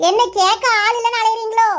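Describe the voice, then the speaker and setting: A woman doing a sharp-tongued young village wife. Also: very high voice, little pitch movement, fast. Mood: defiant. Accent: Kanyakumari Tamil. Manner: defensive, retorting.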